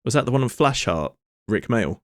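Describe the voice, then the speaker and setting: A man's voice: mid-range voice, expressive, moderate pace, dry recording. A man streaming live, rambling through joking asides as he watches a clip. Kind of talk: casual live-stream commentary.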